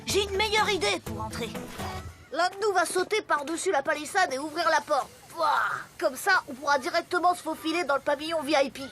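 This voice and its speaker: Woman as a high-voiced scheming cartoon schoolboy. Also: music in the background, lightly acted. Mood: eager, scheming. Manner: sly, persuasive, quick to plot. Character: scheming, confident, smooth-talking schoolboy. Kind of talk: French animated series dialogue.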